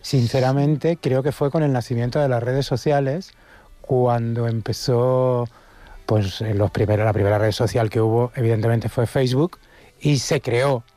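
Middle-aged man, radio co-presenter, mellow low-key tone, rambling casual talk. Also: normal speed, no echo. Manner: relaxed, rambling with self-corrections. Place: radio studio.

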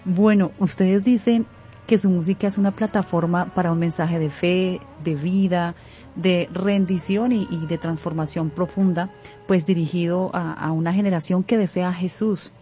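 A woman, a radio journalist asking a guest questions in a warm, inquisitive manner. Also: fairly low pitch, fairly even intonation, normal speed, soft background music. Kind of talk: interview questions. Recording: dull lo-fi recording.

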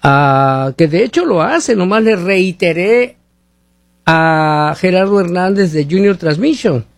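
A Mexican man living in the United States hosts talk radio, rambling through commentary, reading sponsor ads and throwing rhetorical questions at listeners. His voice is high, animated and creaky, and he takes his time. The studio sound is clean with no echo.

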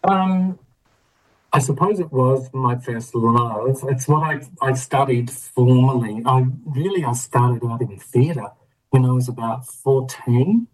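A man's voice: medium pitch, takes it slowly, rough recording. A middle-aged Australian man, a guest in a casual interview, telling his story reflectively with a laugh now and then. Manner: reflective, laughing, many restarts.

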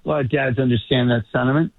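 A man's voice: mid-range voice, steady tone, fast talker, creaky, no echo. A middle-aged man with a faded Boston accent, chatting casually and a little hesitantly as a correspondent on a radio show. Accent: Boston, fading. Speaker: Washington correspondent, guest caller. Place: remote link to a radio show. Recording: tinny, band-limited remote line.

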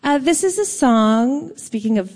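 A woman's voice: high voice, expressive, measured pace, a little mellow. A playful, jokey woman, chatting and laughing as a musician guest on a live stage. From Toronto, Canada. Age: 50s. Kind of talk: live stage interview chat. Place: theater stage before an audience.

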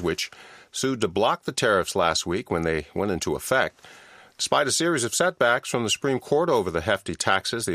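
A man's voice: fairly low pitch, a bit bright, dry recording, studio quality. A man with an American accent anchoring a scripted radio newscast. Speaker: news anchor. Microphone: close studio microphone.

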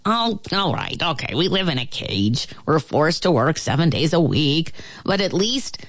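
A woman's voice: low voice, big pitch swings, a little slow, no echo, pitched below the performer's own voice, heavily acted. Woman doing an easygoing cheerful fly. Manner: easygoing, peacemaking.

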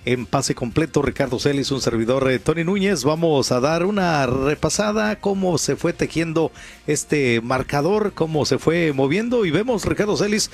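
High-voiced man calling American football. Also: animated, normal speed. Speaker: sports radio host and play-by-play announcer. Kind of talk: live American football broadcast commentary.

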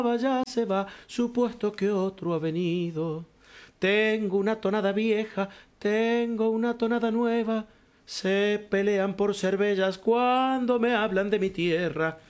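An older man from Cuyo, Argentina, speaks in a high voice, telling stories warmly and calling the listener "compadre." It's a reflective spoken radio column.

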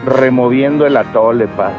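A man making a comic confession to a mock priest in a drawn-out manner. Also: mid-range voice. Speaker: comedy show participant making a mock confession. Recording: slightly dull sound with music behind. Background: background music.

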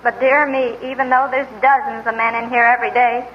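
Woman playing a high-voiced, plaintive nurse. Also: level tone, fairly quick, slight background noise, close to an everyday voice. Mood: fretful, wistful. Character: fretful, wistful spinster nurse. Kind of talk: 1940s radio comedy acting. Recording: muffled, tinny old radio recording.

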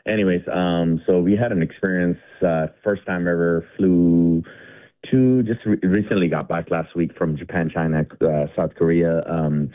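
A middle-aged man from India phones in to a radio show, his voice low and deep. He rambles casually, full of fillers and restarts. The line is tinny and narrow, with a dry sound. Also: fairly even intonation, moderate pace, no echo. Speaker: caller. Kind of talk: casual call-in chat. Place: home garage.

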